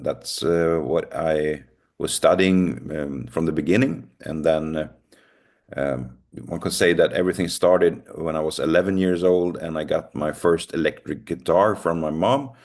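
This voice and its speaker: A middle-aged man from Sweden gives a recorded lecture in English, his second language, with a Swedish accent. His low voice moves at a measured pace, and he sounds hesitant and self-deprecating, dropping frequent ums and uhs.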